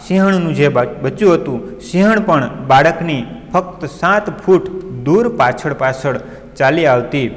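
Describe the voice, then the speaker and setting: A male teacher giving an online class, retelling a story and stopping often to explain the meaning of words. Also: medium pitch. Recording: long reverb.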